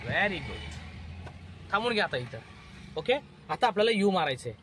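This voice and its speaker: A man giving a driving lesson from the passenger seat, calling out brisk step-by-step commands. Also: high voice, big pitch swings, fairly bright tone, slight background noise. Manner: instructive, repeats steps, brisk commands. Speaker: driving instructor. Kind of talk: in-car driving lesson vlog. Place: inside a car in city traffic.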